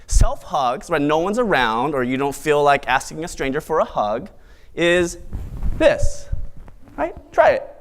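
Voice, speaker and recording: Male emcee, bright and upbeat, higher voice with lively swings, joking with a live audience. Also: normal speed. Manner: bright, upbeat event host; playful, joking, conversational. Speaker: event emcee and host. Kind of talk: opening monologue to a live audience.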